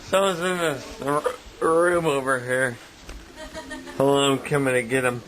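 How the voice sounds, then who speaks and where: A drunk, hiccuping man hosting a party in his new house, rambling and giggling slowly as he films on a handheld camera. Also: mid-range voice, steady tone, fairly bright tone, slight background noise, poor audio. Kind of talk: casual home video chat. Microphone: handheld camera mic.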